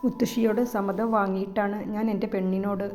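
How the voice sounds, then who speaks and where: A woman reads the part of a young man in a romantic audio story, gentle and teasing toward the girl he loves. His soft, playful lines sit in a warm, mellow voice with faint music underneath. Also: mid-range voice, flat delivery, brisk, natural voice. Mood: tender teasing.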